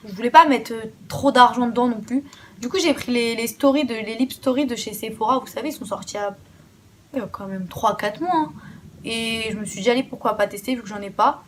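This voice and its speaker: A young woman talking through her makeup haul in an easy, gushing way, blunt when something disappoints her. Her voice sits a bit high. A faint hum of room noise runs underneath. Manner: chatty, enthusiastic, swears casually and restarts words. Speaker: beauty vlogger. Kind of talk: casual makeup haul chat.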